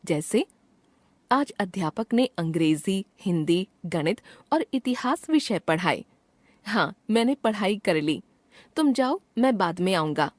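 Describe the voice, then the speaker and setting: Woman reading a lesson, lively pitch. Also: dry recording. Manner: clear, measured reading with expressive example sentences. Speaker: teacher reading a textbook chapter. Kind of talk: scripted narration of a grammar lesson.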